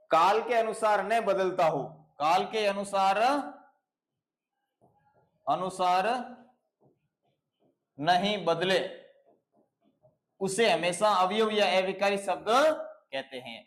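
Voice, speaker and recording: A man's voice: high-pitched, very slow, long pauses, a bit bright, low-quality recording. A man with a Rajasthani Hindi accent explaining exam questions as a teacher, repeating key words and checking in with his listeners. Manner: repetitive, checks in with "theek hai na".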